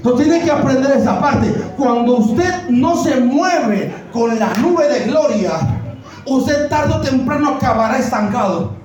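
A man preaching a sermon as pastor, asking the congregation questions and often shouting. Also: very high voice, expressive, a little slow, recorded from a distance, soft background music. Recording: heavy echo of a church hall.

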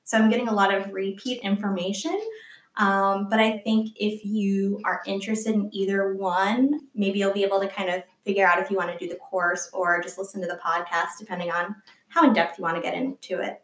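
A woman guest on a podcast, explaining a topic in a relaxed way. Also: mid-range voice, fairly quick. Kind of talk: casual interview. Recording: roomy echo.

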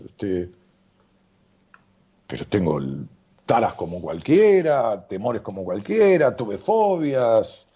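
Un hombre con acento rioplatense que conduce una transmisión en vivo como psicólogo, lee comentarios de su audiencia y charla de forma relajada, con muchas muletillas y divagaciones. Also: male voice, on the low side, vocal fry, husky. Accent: Rioplatense Spanish. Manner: animated, rambling, jokey, with many fillers. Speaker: psychologist hosting a live stream. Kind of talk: casual live-stream chat reading viewer comments. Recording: dull lo-fi stream audio.

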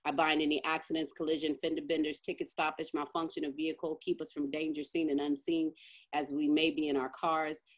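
Here a woman pastor's low voice comes across flat and fairly quick. She runs an online session of casual teaching followed by prayer, speaking emphatically, asking "right?" again and again, and praying with fervor.

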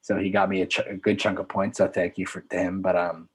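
Husky low-voiced man chatting sports. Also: level tone, fast. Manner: easygoing, hesitant with ums. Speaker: podcast co-host. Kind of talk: casual sports chat.

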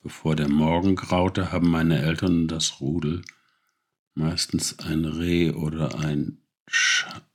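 Guy reading a shy orphan wolf pup, low gravelly voice, slow. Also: little pitch movement, exaggerated voice. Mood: timid. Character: small frightened orphaned wolf pup, timid.

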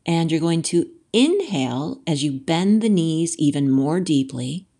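Low-voiced, slow woman guiding yoga. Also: big pitch swings, husky. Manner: gentle, measured, soothing guidance with pauses. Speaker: yoga instructor. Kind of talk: guided yoga and breathwork instruction.

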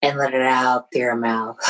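Very slow, low-voiced woman guiding meditation. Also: poor audio. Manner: slow, soothing, hushed. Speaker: meditation guide. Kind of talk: guided meditation.

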